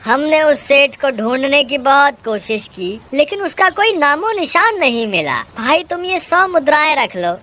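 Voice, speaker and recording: A woman voicing a foolish scheming village trickster man in a cartoon, who calls out excitedly. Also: high voice, a little slow. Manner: excited, calling out loudly. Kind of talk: Hindi cartoon voice acting.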